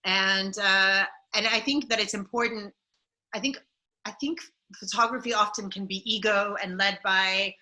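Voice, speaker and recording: Bright-voiced, animated woman mentor. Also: mid-range voice, moderate pace, low-quality recording. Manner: animated, repeats words as she speaks. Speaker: photographer, mentor. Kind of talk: video call panel talk.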